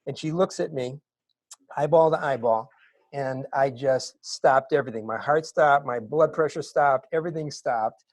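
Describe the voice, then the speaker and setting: A middle-aged man telling his story as an interview guest, animated and building to excited bursts. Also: medium pitch, normal speed, no room sound. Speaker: interview guest, wig maker.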